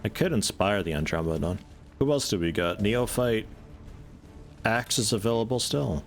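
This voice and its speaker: Laid-back, low-voiced man streaming a game. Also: normal speed. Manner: laid-back, wry, swears casually. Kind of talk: casual gameplay commentary. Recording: game music playing underneath.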